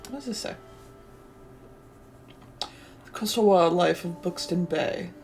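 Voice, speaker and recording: A woman's voice: lowish voice, slow, gravelly, darkish tone, faint music behind. A woman streaming a cozy game playthrough, reading the on-screen text aloud and gushing with delight over what she finds. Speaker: let's play streamer.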